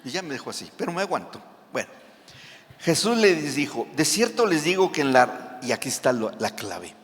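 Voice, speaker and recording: A man preaching a sermon as pastor, animated, with joking asides and dramatic readings. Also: a little high, normal speed. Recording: long hall reverb.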